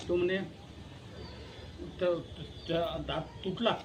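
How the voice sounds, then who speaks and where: A man, a father, telling a comic story in an animated way and laughing at his own punchlines. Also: high voice, takes it slowly, noisy background.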